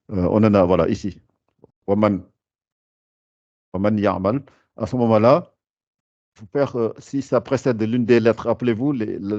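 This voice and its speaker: A man's voice: on the low side, dark tone, dry recording, dull audio. A man teaching Quran recitation rules to a class, patient and repetitive, stopping often with fillers and restarts. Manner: hesitant, many fillers and restarts; patient, repeats rules and reminders. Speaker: tajwid teacher. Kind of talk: live class explanation.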